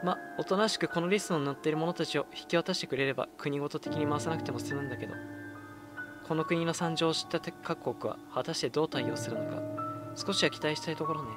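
A man voicing a cruel, vengeful female villain from a game, reading her lines in a calm, mocking way over game music. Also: on the high side, fast talker, lightly acted. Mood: cool. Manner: calm, sneering, taunting delivery. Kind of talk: reading game dialogue aloud.

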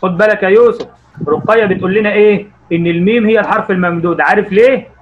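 A man with an Egyptian Arabic accent teaching young pupils online, encouraging them and quizzing them by name, stretching out words slowly as he reads. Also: high-pitched, highs cut off, slight background noise. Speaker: primary school Arabic teacher.

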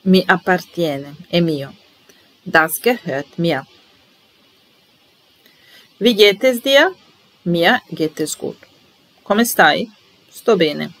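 Woman teaching phrases real slow, low-ish voice, careful and patient. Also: animated, poor audio. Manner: patient, measured, enunciating each phrase slowly. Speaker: language teacher. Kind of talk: slow bilingual lesson, repeating phrases.

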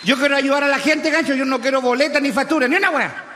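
A man playing a crude, rowdy rural Chilean huaso in a stand-up character monologue, speaking with a Chilean accent, full of coarse slang and shouted punchlines. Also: extremely high pitch, fast talker, a faint crowd, slight background noise. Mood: boastful. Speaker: comedian in character. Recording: live stage with long reverb.

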